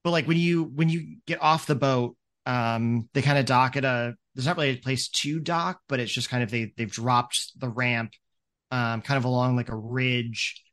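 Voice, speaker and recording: A man's voice: mid-range voice, steady tone, normal speed, fairly bright tone. Rambling male game master, filler-heavy. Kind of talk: narrating a tabletop game.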